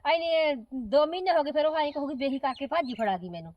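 A woman's voice: sits high, sing-song, fast, no echo, highs cut off. A woman playing an elder aunt-in-law who soothes and chides a relative in an amateur comedy short film. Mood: placating. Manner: soothing, then chiding. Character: elder aunt-in-law, calming but sharp-tongued.

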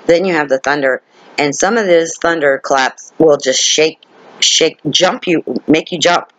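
A man's voice: on the high side, measured pace, fairly bright tone, no room sound, low-quality recording. A man leading an informal Bible study, reading scripture aloud and explaining it, repeating key words and checking in with listeners. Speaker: Bible teacher.

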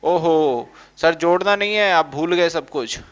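A man's voice: fairly high pitch, measured pace, close to an everyday voice. A man voicing a cheeky young student who questions his teacher. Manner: cheeky, impatient. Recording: dull lo-fi recording.

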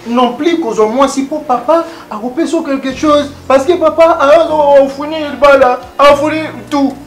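A man's voice: extremely high pitch, moderate pace, slight background noise. A man playing a teasing friend who gives blunt love advice, switching between French and Lingala. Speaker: actor in Congolese theatre comedy. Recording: echoey room with music.

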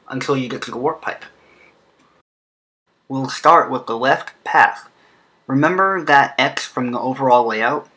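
A man narrates a scripted explainer in a bright, forward voice at a medium pitch. He has a lisp that comes from an underbite, heard as he presents like an online video creator. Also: rough recording. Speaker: video creator presenting a fan game track design.

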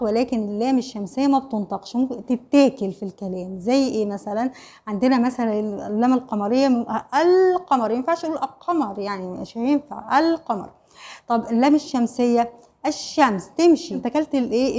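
A woman's voice: fairly high pitch, mellow. A woman teacher with an Egyptian accent giving an online primary school Arabic lesson, quizzing pupils with questions she answers herself and checking in with short tags. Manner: repeats "خلاص؟" and "ماشي؟" to check understanding.

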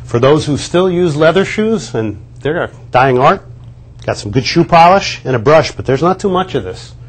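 His voice runs a bit high, animated and breathy-edged, at an ordinary pace. The man hosts sports TV and leads a lively, talkative tour of an indoor locker room and its corridors, indicating things as he goes, recorded on a lapel mic.

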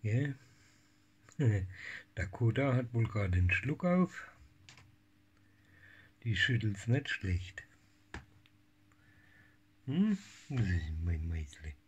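A middle-aged man, a cat breeder talking in a casual home vlog, cooing softly in baby talk and often slipping into whispers. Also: fairly low pitch, big pitch swings, slow pace, pauses often, dull audio, a little hiss or hum. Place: home room with kittens.

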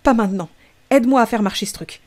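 A woman's voice: a little high, fast, darkish tone, close to an everyday voice. A woman voicing a brave, bossy six-year-old girl who speaks firmly. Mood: firm anxious. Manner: firm, insistent.

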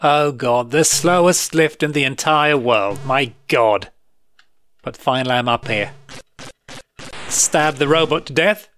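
A man's voice: mid-range voice, animated, unhurried, pauses often, a bit bright, a little hiss or hum. A man giving live commentary while playing a retro game, grumbling sarcastically and laughing at his own frustration. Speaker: retro gaming video host.

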